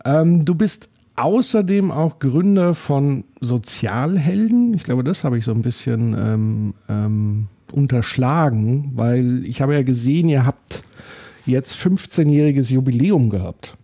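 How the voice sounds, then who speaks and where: A man's voice: mid-range voice, lively intonation, a little slow, warm tone. A man hosting a podcast interview, welcoming his guest in a friendly way with frequent fillers. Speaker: podcast host.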